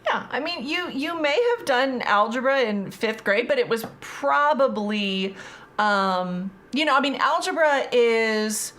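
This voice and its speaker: A woman's voice: fairly high pitch, lively intonation, unhurried, a bit bright. A woman tutoring math live, talking casually with lots of fillers. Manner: casual, chatty, many fillers.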